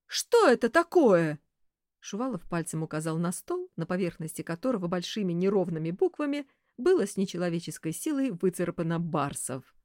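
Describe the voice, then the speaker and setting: A woman's voice: lowish voice, fast, few pauses, no echo, clean studio sound. Woman narrating an audiobook expressively. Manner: expressive storytelling.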